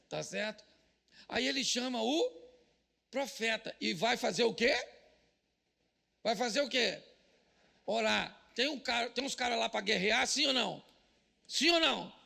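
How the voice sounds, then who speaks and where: A man with a Brazilian Portuguese accent, a pastor giving a comedic sermon at a business event, joking loudly and mimicking people praying. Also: very high-pitched, gravelly, in a large hall.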